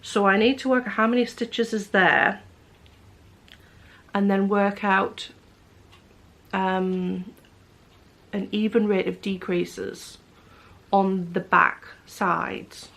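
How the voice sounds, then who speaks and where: A woman's voice: mid-range voice, fairly even intonation, takes it slowly, vocal fry, long pauses, fairly bright tone. A woman vlogger chatting casually to camera, rambling with many fillers and restarts. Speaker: knitting vlogger.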